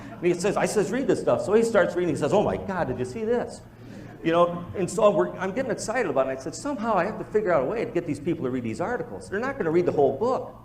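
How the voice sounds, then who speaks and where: A man's voice: a little high, echoey room. A man giving a motivational business talk to a live group, telling stories and acting out the dialogue. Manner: storytelling, animated, acts out quoted dialogue. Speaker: business presenter.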